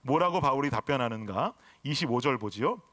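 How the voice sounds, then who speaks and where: A man's voice: mid-range voice, expressive, fairly quick, sharp tone. A middle-aged man from Seoul preaching a sermon as pastor, telling stories and putting rhetorical questions to his congregation. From Seoul, South Korea. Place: church sanctuary.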